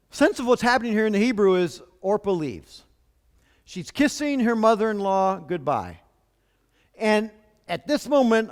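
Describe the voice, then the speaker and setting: A man's voice: sits high, in a large hall. A man preaching a sermon as pastor, in a conversational way with rhetorical questions.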